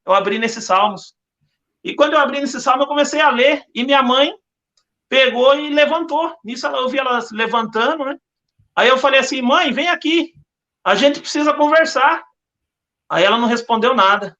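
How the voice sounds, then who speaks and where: A man's voice: very high voice, brisk, sharp tone, dull audio. A man with a Brazilian Portuguese accent giving an earnest religious testimony as a podcast guest, telling his story with lots of repetition.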